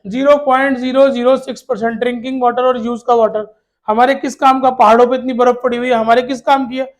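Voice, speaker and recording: A man with a very high-pitched voice teaches an exam-prep lesson to children. He fires off questions and answers them himself, repeating the key words. He calls his students "beta" in a fatherly way. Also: flat delivery, fast talker.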